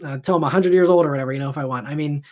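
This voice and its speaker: Speaking very fast, a man in his thirties answers live-stream viewers' questions in a loose, wandering style, constantly dropping fillers such as "I mean" and "you know." His voice runs fairly high and has a slightly mellow quality.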